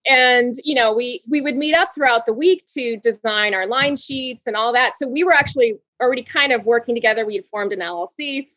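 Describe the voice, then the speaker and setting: A woman's voice: on the high side, a little fast, hardly any pauses, fairly bright tone, no room sound, muffled recording. A woman from Hawaii being interviewed as a guest author, talking in a bubbly way and laughing often. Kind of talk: interview conversation.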